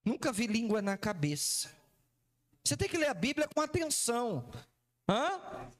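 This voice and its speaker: Brazilian male preacher, high and lively, theatrical, quizzes the congregation, live church sermon. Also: normal speed. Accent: Brazilian Portuguese. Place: church service before a congregation.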